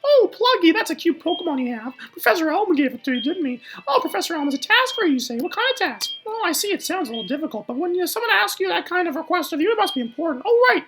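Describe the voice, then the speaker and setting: A woman voicing a cheerful mother from a video game in a high, sing-song voice. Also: big pitch swings, fast talker, few pauses, a bit bright, exaggerated voice, poor audio. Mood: bubbly. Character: chirpy cheerful mother of a young trainer.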